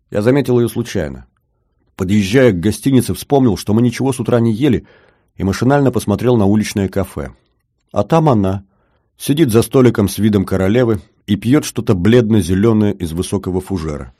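A man narrating a first-person science fiction audiobook in a steady, measured way. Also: on the low side, no echo, clean studio sound.

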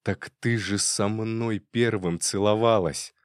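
A man voicing a jealous, drunk police captain who shouts coarsely. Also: deep voice, animated, slow pace, no echo, studio quality. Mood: shouting.

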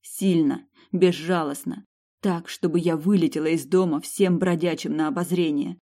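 A woman reading first-person novel narration as an audiobook narrator, in a steady storytelling read. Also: on the low side, moderate pace.

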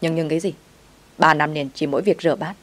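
Scolding male restaurant boss, low-voiced, read by a woman. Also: fairly even intonation, fast talker, lightly acted. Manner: barking, scolding. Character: angry middle-aged male restaurant owner.

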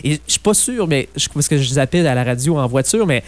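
A man's voice: fairly high pitch, brisk, no echo. Chatty Québécois man on talk radio. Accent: Québécois French. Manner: chatty, animated storytelling with frequent fillers. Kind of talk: casual political talk radio chat.

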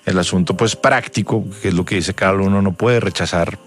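A man's voice: low voice, brisk. A man joining casual radio banter as a panelist. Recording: music playing behind.

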